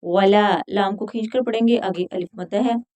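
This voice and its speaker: A woman teaching Quran recitation rules, chanting verses slowly and then explaining each letter in plain talk. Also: mid-range voice, steady tone, darkish tone. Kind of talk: recitation and tajweed instruction.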